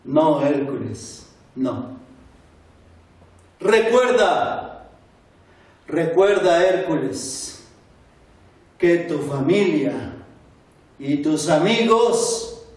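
A man voicing a stern old male teacher who shouts commands and later speaks calmly. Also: a little high, slow. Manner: shouting commands, then calm and gentle. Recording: echoey room, far from mic.

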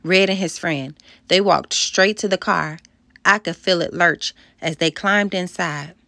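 A woman with a lowish voice reads a first-person children's story aloud, lively and expressive as she carries the scenes. The sound is close and dry, with no room around it. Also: a little slow, dry recording. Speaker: audiobook narrator.

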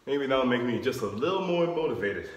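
A man's voice: mid-range voice, expressive, fairly quick. A young man doing push-ups in a casual workout vlog, counting reps and urging himself on, strained and tired. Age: young adult. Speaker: fitness vlogger. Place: concrete-floored garage or basement gym. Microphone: camera on floor a few metres away. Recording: echoey hard-walled room, background furnace noise.

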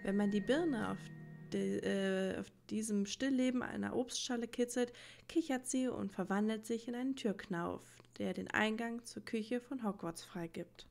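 A woman hosts a let's play, thinking aloud in colloquial asides and reading game text as she plays. Her mid-range voice is gravelly and a little mellow at a normal pace, with soft music in the background.

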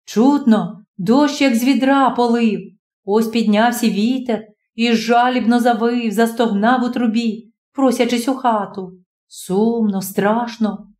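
A woman narrating a classic story as an audiobook, expressive and dramatic. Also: on the high side, measured pace. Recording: roomy echo.

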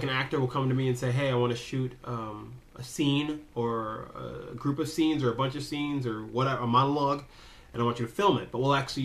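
A man's voice: medium pitch, fairly bright tone. Rambling young man vlogging casually. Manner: rambling, self-interrupting, jokey. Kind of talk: casual direct-to-camera vlog.

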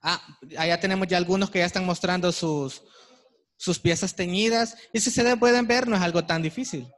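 Male workshop leader, higher-pitched voice, encouraging and easygoing with a live group. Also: fairly quick. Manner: warm, encouraging, pointing out pieces to the group. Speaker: workshop instructor. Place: workshop room with attendees.

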